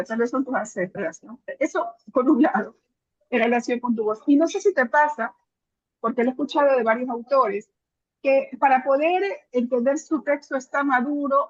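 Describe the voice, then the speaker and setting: A woman with a high voice hosts a literary interview and asks long, winding, admiring questions. The sound is dry and slightly muffled. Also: no room sound.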